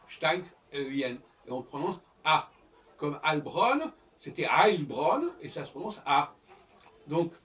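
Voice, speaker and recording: This man, the host of his own channel, lectures informally like a professor and spells out his examples one letter at a time. He has a somewhat high, slightly bright voice. It was recorded from a distance, with a little background noise.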